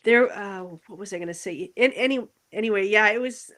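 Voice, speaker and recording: A woman in a casual podcast chat about movies, rambling and searching for words, quick to laugh. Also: medium pitch, fairly bright tone. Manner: laughs easily while telling stories. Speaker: podcast co-host.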